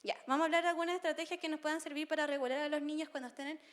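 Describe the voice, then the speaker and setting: High-voiced woman giving a seminar. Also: flat delivery, racing, in a large hall. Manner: conversational, checks in with listeners often. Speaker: seminar speaker for parents. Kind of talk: informal seminar talk. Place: seminar room.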